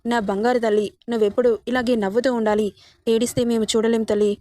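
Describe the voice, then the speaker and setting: A woman's voice: on the high side, flat delivery, quick pace, mellow, no room sound, close to an everyday voice. A woman voicing an affectionate older father-in-law who comforts the young bride in a storybook reading. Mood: doting. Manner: affectionate and soothing.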